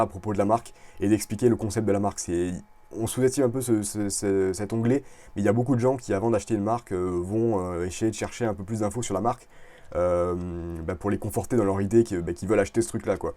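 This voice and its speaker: Man, low voice, mellow tone, casual screen review, chatty with fillers. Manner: chatty, relaxed, many fillers and restarts. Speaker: video creator reviewing clothing brands.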